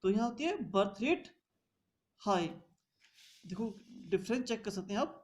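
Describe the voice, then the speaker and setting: A woman's voice: fairly high pitch, lively intonation, moderate pace, darkish tone. A woman teaching a revision lecture, reading points out in English and explaining them in Hindi.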